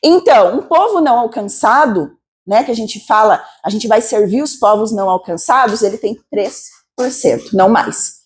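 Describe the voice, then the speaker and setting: A Brazilian woman missionary preaching a sermon to a congregation, with a Brazilian Portuguese accent, asking lively rhetorical questions. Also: fairly high pitch, normal speed, hardly any pauses. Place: church service.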